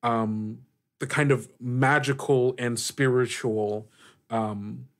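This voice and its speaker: A man acts as game master for an improvised tabletop game, groping his way through descriptions and saying "like" a lot. His voice is mid-range, a bit bright, and steady in tone.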